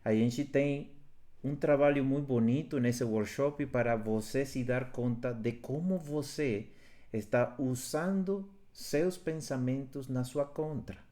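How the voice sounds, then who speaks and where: This home-broadcast relationships talk features a male workshop facilitator with a mid-range, dark voice who speaks slowly. Earnest throughout, he addresses love and self-awareness and leans on repeated phrases for emphasis.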